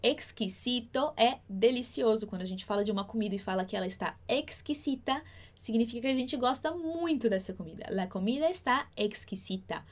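A woman teaching a language lesson, breaking each phrase down slowly and carefully. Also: fairly high pitch, animated. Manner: slow, careful, spelling out phrases. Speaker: Spanish teacher.

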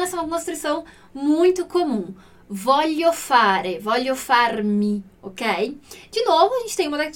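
A woman with as her teaches Italian, explaining a dialogue patiently and reading the Italian lines slowly. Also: sits high, recorded from a distance. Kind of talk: language lesson explaining a dialogue.

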